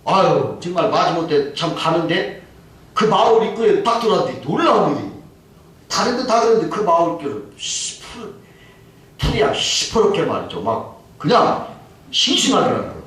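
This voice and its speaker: A man preaching a sermon as pastor, telling a story with lively voices for the people in it. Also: on the high side, moderate pace, heavy reverb, far from the mic, rough recording. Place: church sanctuary.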